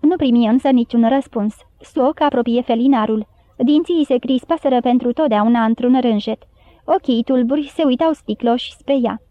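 Woman narrator, storybook reading, high voice, thin phone-like sound, dry. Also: dry recording. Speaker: audiobook narrator.

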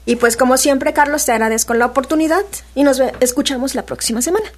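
A chatty woman speaks as a radio guest, her voice pitched a little high. She talks loosely, full of fillers and restarts, in an easygoing back-and-forth with the host. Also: quick pace. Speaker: radio guest, animation workshop leader. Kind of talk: casual radio chat.

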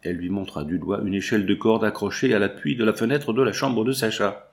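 A man reading a classic novel aloud as audiobook narration, in a measured, even storytelling manner. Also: lowish voice. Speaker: audiobook reader.

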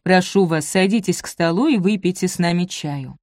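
A woman reading the part of an older noblewoman who speaks gently but firmly. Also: on the low side, moderate pace, no room sound, studio quality, natural voice. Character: older noblewoman mother, calm and steely.

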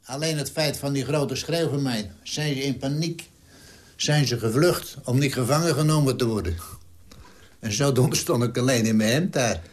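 A man's voice: mid-range voice, normal speed. A man in his nineties, a war veteran, telling his story in an interview in a blunt, salty way and acting out the dialogue. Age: 90s. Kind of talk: vivid wartime storytelling interview.

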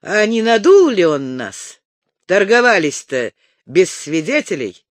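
A man voicing a hot-tempered young brother who speaks bluntly and gruffly. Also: sits high, sing-song, unhurried, dry recording, voice pushed up. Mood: suspicious.

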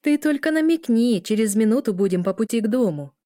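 A woman doing a shrill, cheeky teen girl. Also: animated, a little fast, warm tone, dry recording, studio quality, lightly acted. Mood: indignant. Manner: shrill, indignant teasing. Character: teen girl, cheeky and quick-tempered little sister.

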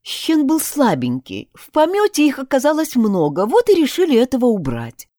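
Reader as a grim woman dog owner, lively pitch, storybook. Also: normal speed, dry recording, clean studio sound. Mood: somber. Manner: somber, reluctant.

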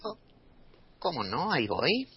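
Hesitant, breathy woman on radio. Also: deep voice, huge pitch swings, unhurried. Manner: hesitant, with many fillers and restarts. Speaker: radio co-host. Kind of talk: casual community radio chat. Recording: dull lo-fi radio audio.

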